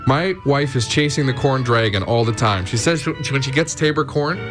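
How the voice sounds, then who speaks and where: A Canadian man hosting a radio morning show, upbeat and playfully teasing, with lively contest promo delivery. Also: mid-range voice, normal speed. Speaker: radio host. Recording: music playing behind the voice. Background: music.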